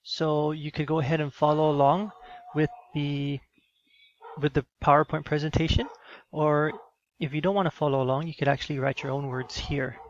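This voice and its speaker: A man teaching in a screencast lesson, explaining patiently with many fillers and quick check-ins. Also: a little high, little pitch movement, muffled recording, slight background noise.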